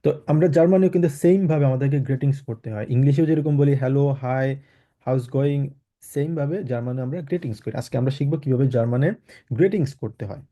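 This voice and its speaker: A man's voice: medium pitch, fast talker, mellow. A man from Bangladesh teaching a German class online, explaining patiently with many fillers and mixing in English and German words. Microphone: video call. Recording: dull lo-fi online call audio.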